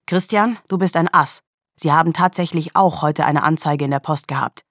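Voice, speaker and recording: Woman voicing a firm no-nonsense cop boss, sharp and in charge, low dry voice. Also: normal speed, no echo. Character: firm male police chief inspector.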